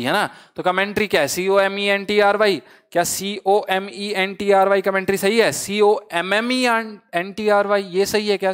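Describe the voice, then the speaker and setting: Male tutor, smooth resonant voice, slightly high, spells words slowly and answers his own questions. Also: fairly bright tone. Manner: asks the class questions and answers them himself; mixes English phrases into his teaching. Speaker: English vocabulary teacher. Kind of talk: online exam-prep lesson.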